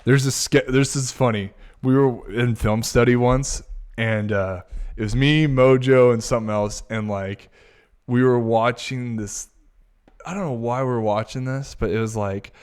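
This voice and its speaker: A man's voice: mid-range voice, fairly even intonation, unhurried, darkish tone, clean tone. Laid-back Californian man chatting. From Bay Area, California. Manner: laid-back, drawling surfer-like delivery. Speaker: guest. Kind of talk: casual podcast chat.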